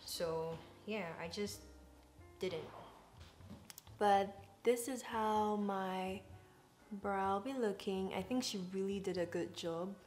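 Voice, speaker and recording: A woman in her twenties from Ghana vlogs indoors at home, chatting warmly and talkatively to her viewers. Her medium-pitched, darkish voice takes things slowly with long pauses, set against echoey rooms and a music bed.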